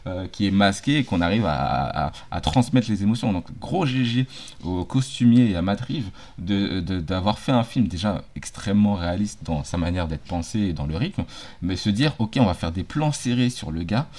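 A man with a very low, deep voice talks casually about a film he has just seen. He hesitates often and restarts his sentences, and his speech is relaxed and conversational. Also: normal speed. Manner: hesitant, many fillers and restarts.

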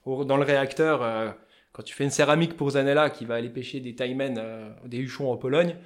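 A man with a Vosges accent, a fly-tying business owner talking loudly and passionately as an interview guest. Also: mid-range voice, steady tone, brisk. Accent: Vosges French. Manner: loud, passionate, talkative. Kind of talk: casual interview chat.

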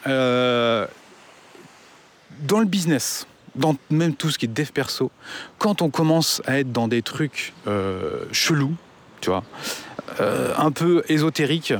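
A man's voice: mid-range voice, animated, slow, long pauses. A man ranting casually to his audience, blunt and full of swearing and hesitant fillers. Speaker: online business commentator. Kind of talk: casual rant to camera.

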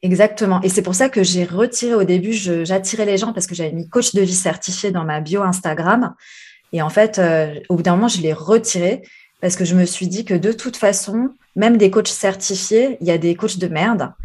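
A woman coach chatting in a podcast interview, her voice sitting a little low. She talks frankly and reflectively, with plenty of hesitations and fillers as she thinks aloud. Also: normal speed, a little mellow, breathy edge. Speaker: guest, life coach.

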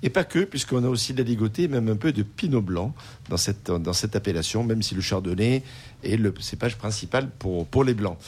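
A man with a low, somewhat husky voice talks about wine as a sommelier on the radio. He hesitates often and repeats words as he explains. His tone stays calm and informative. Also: brisk. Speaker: sommelier and restaurant owner.

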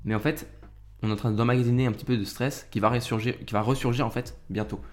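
A man's voice: medium pitch, steady tone, fast talker. A young man hosting an advice podcast, talking casually and directly to the listener with lots of fillers. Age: young adult. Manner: chatty, addresses listener directly, with frequent fillers. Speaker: podcast host.

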